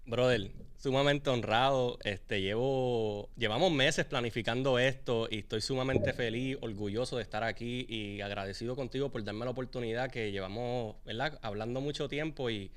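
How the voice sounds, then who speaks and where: A Puerto Rican man speaks as a guest on a casual podcast. His voice is smooth and clear at a middle pitch, and he talks in a friendly, relaxed way, filling pauses as he goes. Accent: Puerto Rican Spanish. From Puerto Rico. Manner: friendly, with filler words and restarts.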